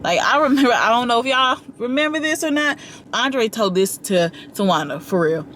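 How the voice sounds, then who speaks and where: Animated woman commentator, casual and direct with her audience, faint background noise. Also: fairly high pitch, normal speed. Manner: animated, talks straight to viewers with slang and asides. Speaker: commentary vlogger.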